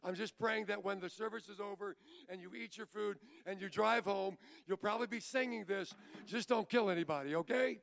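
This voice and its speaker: A man's voice: high voice, fairly quick, vocal fry, fairly bright tone. A man preaching a sermon as pastor, exhorting the congregation, calling for amens and stumbling into stammered restarts. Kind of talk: sermon with congregation call-and-response.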